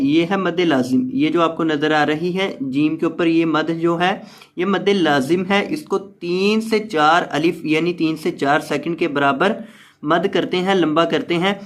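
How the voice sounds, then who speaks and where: A man teaching Quran recitation word by word, explaining each rule patiently and then drawing the words out slowly. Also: on the high side, fairly bright tone. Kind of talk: slow word-by-word tajweed lesson.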